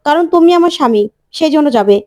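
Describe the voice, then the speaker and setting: A woman's voice: high-pitched, lively intonation, fast, dark tone, pitched above the performer's own voice. Woman doing a scheming, defensive young wife. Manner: defensive, pleading.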